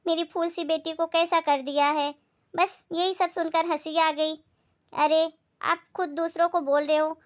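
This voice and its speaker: A woman playing an overworked young daughter-in-law who is polite but gently mocking, in a family moral skit. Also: very high voice.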